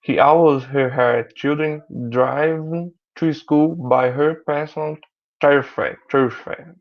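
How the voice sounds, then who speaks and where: Slow careful student on muffled call. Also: male voice, on the high side, steady tone. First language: Portuguese. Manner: careful reading, repeats words.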